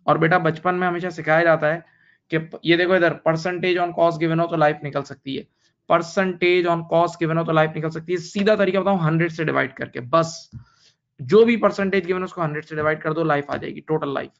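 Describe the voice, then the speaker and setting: Recorded for an online accounting class, this thirty-something teacher with an Indian English accent has a slightly high, steady voice with vocal fry, speaking at normal speed over lo-fi sound. Patient and repetitive about key points, he addresses students as "beta" and blends English terminology into Hindi.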